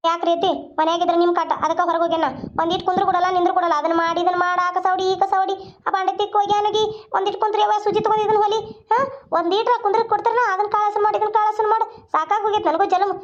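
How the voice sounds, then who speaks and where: A woman's voice: extremely high pitch, level tone, racing. A woman voicing a tired, defiant young daughter-in-law in a cartoon, complaining. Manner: complaining, protesting. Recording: dull lo-fi sound.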